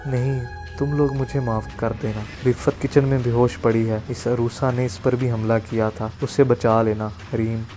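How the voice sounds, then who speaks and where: A man's voice: mid-range voice, level tone, normal speed, few pauses, mellow, soft background music, natural voice. A man voicing a dying mother who pleads for forgiveness and struggles to get her words out. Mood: urgent, weak. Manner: pleading, labored.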